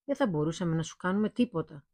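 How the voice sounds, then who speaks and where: A curious caliph in disguise speaks politely, barely holding back his laughter, as a woman telling a fairy tale plays him. The voice is mellow and husky. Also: on the low side, expressive, dry recording. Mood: amused. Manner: polite, amused.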